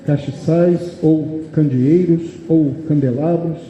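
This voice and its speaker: A man with a Brazilian Portuguese accent preaches in a church meeting, reading verses aloud, explaining them, and often asking the congregation "amém?". His voice is a little high, steady, slow and warm. The recording is muffled, with an echoey hall, long reverb and faint background noise.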